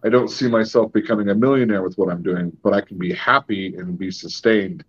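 Brief: male podcast host, low voice, blunt and self-mocking, muffled lo-fi sound. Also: fairly quick, husky. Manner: candid and self-deprecating, swears casually. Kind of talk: casual podcast conversation.

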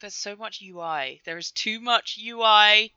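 A Canadian woman co-hosting a podcast in casual, joking banter, animated and swearing freely. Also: mid-range voice, unhurried, smooth, no room sound, muffled recording. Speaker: podcast co-host.

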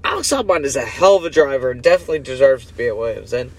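A man's voice: mid-range voice, animated, very fast. A sleepy, yawning man ranting casually as a podcast host, rambling and losing his focus. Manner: rambling, loses focus, self-interrupting. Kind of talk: casual rant.

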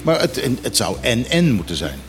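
Blunt, lively-pitched male co-host. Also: brisk, soft background music. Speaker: radio co-host. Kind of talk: casual banter. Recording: faint background noise.

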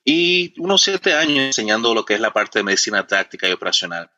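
A man's voice: fairly low pitch, very animated, fast, bright, forceful tone, dull audio. A man hosting a medical podcast, greeting and questioning his guest in a friendly way. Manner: friendly, calls the guest brother. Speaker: podcast host. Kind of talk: conversational interview.

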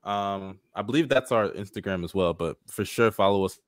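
Man, lowish pitch, dry sound, podcast host, casual chat, slangy frat-bro manner. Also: moderate pace, no echo. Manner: slangy, bro-heavy frat-guy banter. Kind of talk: casual chat on a sports and anime stream.

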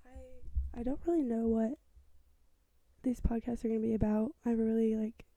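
A woman in her twenties, rambling quietly and a little awkwardly in her bedroom for a solo podcast, using lots of filler words. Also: on the high side, flat delivery, normal speed, no echo. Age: 20s. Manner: rambling and hesitant, heavy use of filler words; talking quietly and self-consciously. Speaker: podcast host. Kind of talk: casual solo podcast monologue. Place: her bedroom, sitting in bed. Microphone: small mic with a fluffy windscreen.

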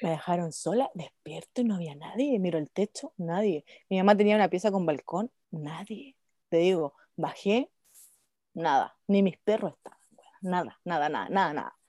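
A Chilean woman co-hosting a podcast, telling a story in casual, slangy, lively chat and breaking into laughs and shouts. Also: on the low side, normal speed, dry recording, studio quality. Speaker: podcast co-host.

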